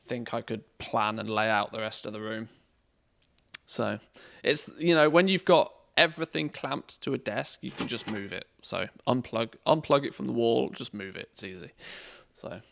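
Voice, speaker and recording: A man chatting casually to viewers on a game livestream, rambling informally, with a gravelly voice. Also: lowish voice, a bit bright, no room sound, studio quality. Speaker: game streamer and video maker. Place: indoor studio room padded with cushions against echo.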